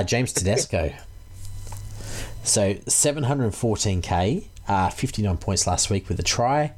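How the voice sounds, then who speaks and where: A man's voice: sits low, darkish tone. A man co-hosting a casual fantasy sports podcast, giving his analysis in a conversational, tentative way. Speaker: podcast co-host.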